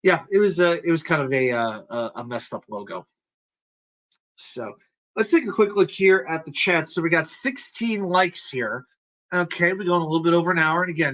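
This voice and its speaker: A man's voice: a little high, moderate pace, fairly bright tone. A man hosting a live-stream sports talk show, chatting in a loose, hesitant way with many fillers.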